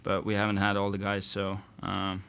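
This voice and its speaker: A young college basketball player answering postgame questions casually, sometimes searching for words and restarting. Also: male voice, low voice, monotone, moderate pace, creaky, a bit bright, smooth. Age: young adult. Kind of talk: postgame press conference answers.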